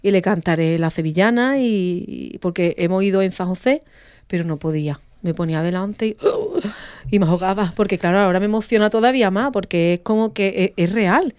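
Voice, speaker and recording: A woman's voice: medium pitch, brisk, smooth, no echo. A woman, a radio guest telling an emotional story and acting out the quoted voices. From Andalusia, Spain. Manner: animated, acts out quoted dialogue.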